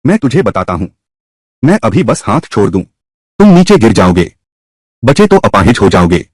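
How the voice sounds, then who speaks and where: A husky, sneering noble bully. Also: male voice, on the low side, big pitch swings, moderate pace, a little mellow, no echo, clean studio sound. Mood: menacing. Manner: sneering, taunting. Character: leering young nobleman bully, arrogant and cruel. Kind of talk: dubbed drama dialogue.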